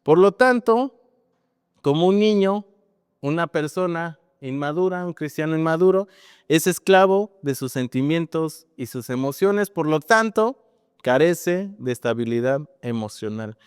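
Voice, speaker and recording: A man's voice: fairly high pitch, animated, unhurried, clean tone, no echo, studio quality, big-room sound. A man with a Mexican accent preaching a sermon as pastor, in a conversational style that keeps adding tag questions.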